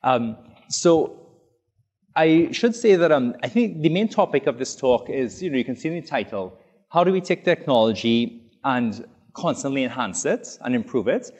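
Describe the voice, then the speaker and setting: A man's voice: mid-range voice, lively intonation, moderate pace, darkish tone, husky. A man in his thirties from Trinidad and Tobago, giving an academic talk in a lecture room, enthusiastic with frequent ums and likes. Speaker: academic speaker.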